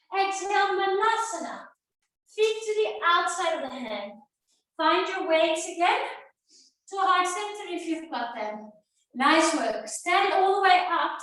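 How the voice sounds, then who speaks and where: A woman's voice: very high voice, a bit bright. A woman leading an online yoga workout, counting reps and calling cues while she exercises, a little out of breath. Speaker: yoga teacher. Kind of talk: live online workout class instruction. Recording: roomy, distant sound.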